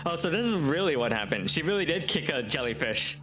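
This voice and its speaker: A man's voice: on the high side, very animated, a little fast, sharp tone, faint music behind. A man streaming a story game, musing aloud with hesitant, filler-heavy commentary.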